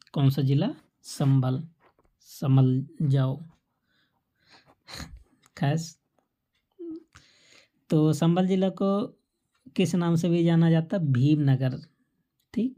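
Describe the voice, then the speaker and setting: Quizzing her listeners and then supplying the answers herself, a woman leads an exam-prep lesson, going over the facts to memorize again and again. She has a low, mellow voice.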